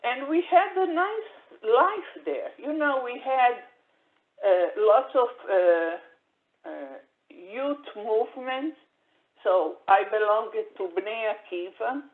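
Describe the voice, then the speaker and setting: Slow, halting older woman, tinny audio. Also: on the high side, animated. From Brazil. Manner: slow, halting, many fillers and restarts. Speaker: interviewee. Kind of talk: oral history interview.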